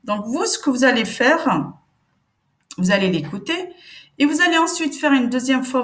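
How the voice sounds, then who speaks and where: A woman teaching Arabic reading step by step, patiently sounding out syllables slowly for learners. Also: fairly high pitch. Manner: patient, slow demonstrations of each syllable.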